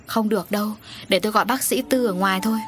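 Woman playing a fretful, shrill wife. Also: fast talker, background noise, natural voice. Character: anxious middle-aged wife, shrill and fretful.

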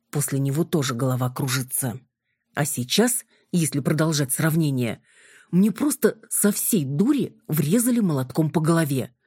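A woman narrates a first-person audiobook in a low, husky voice with a wry, plain telling. The recording is dry and close, with no room sound. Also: warm tone, no room sound.

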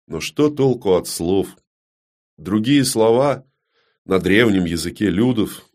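A man narrating a dark fantasy audiobook in a measured, grave storytelling manner that often drops to a hush. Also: fairly low pitch.

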